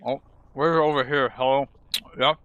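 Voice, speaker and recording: A man in casual gaming voice chat with his squad. His voice is middle in pitch with a bright, forceful edge, and he talks like a player in a military game. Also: fairly even intonation, normal speed, smooth, no room sound, highs cut off.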